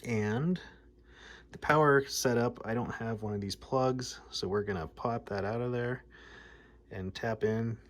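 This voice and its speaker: Unhurried and medium-pitched, a Midwestern American man presents a radio hobby repair video, talking casually and working things out aloud as he goes.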